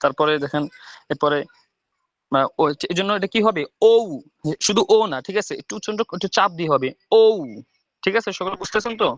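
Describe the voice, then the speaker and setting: A man's voice: sits high, animated, a bit bright, no room sound, muffled recording. A man teaching an online English class from a village home over his phone, often checking with "ঠিক আছে?". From Bangladesh. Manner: quick, repeats "ঠিক আছে?" to check students.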